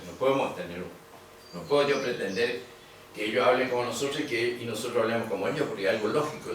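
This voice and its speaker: A man's voice: mid-range voice, fairly bright tone. Echoey distant lecturing man. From Corrientes, Argentina. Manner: explanatory, frequent tag questions. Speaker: language teacher. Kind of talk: classroom lecture. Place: large echoey room, museum workshop. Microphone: far camera. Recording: echoey room, distant mic, faint hiss.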